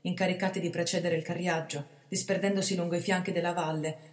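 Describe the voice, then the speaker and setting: A woman, an actress, reading a literary short story aloud in a measured, expressive narration. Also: lowish voice. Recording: reverberant hall.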